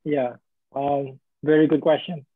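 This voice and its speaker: A man's voice: on the high side, flat delivery, slow pace, no echo. A man answering parenting questions in a webinar, explaining conversationally and acting out quoted exchanges. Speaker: guest speaker on parenting. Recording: tinny phone-like video call audio.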